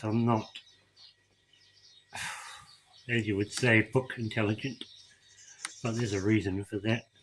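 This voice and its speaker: Middle-aged man, tearful vlog confession, halting delivery, bright tone, faint background noise. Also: lowish voice. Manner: emotional, tearful, halting with repeated words. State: crying. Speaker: vlogger. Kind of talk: personal story to camera.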